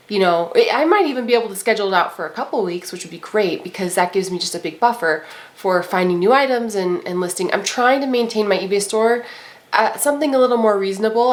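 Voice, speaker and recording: A woman, possibly in her thirties, chatting casually to camera with a congested, nasal voice from a cold, rambling with lots of fillers. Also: mid-range voice. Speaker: vlogger and eBay reseller.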